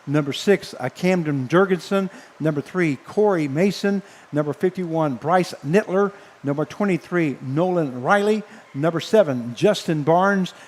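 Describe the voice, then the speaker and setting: Choked-up man signing off a ballgame broadcast. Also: a little high. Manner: halting and earnest, heavy with fillers. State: emotional, choked up. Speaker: baseball broadcaster and announcer. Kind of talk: live broadcast sign-off. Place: press box above a ballpark. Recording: long hall-like reverb.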